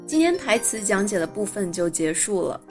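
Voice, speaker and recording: A young woman hosting a bilingual English lesson, slowly and carefully modelling pronunciation and explaining phrases. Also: medium pitch, big pitch swings, soft background music. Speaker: English teacher and podcast host.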